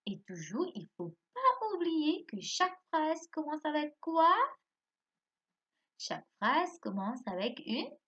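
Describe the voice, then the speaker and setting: Woman teacher with a high, slightly husky voice. Quizzes and self-answers, spells words slowly, lo-fi sound. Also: very animated, fairly bright tone. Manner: asks questions and answers them herself, spells words letter by letter. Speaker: primary school teacher. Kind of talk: recorded remote class lesson. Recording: dull lo-fi recording.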